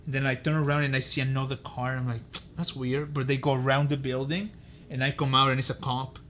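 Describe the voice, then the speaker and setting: A middle-aged man co-hosting a podcast in casual chat, an animated storyteller who jumps high when quoting others. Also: quick pace, slight background noise. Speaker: podcast co-host.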